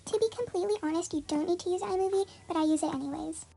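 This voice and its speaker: A voice run through a voice changer that pushes it very high, so the speaker's real voice is hidden. They walk through a tutorial in a loose, chatty way, full of fillers. Music plays clearly in the background. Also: very fast, mellow. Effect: voice changer disguising the voice, pitched very high. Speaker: tutorial channel host. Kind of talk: casual step-by-step tutorial.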